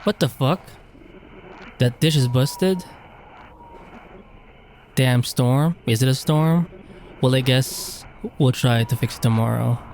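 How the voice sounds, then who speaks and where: A man at a middle pitch talks through a horror game, startling easily and swearing freely. His nervous outbursts break into steadier narration, with a faint hiss behind him. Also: slow, long pauses, darkish tone. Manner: jumpy, swears a lot, nervous exclamations. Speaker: gamer. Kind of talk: horror game let's play commentary.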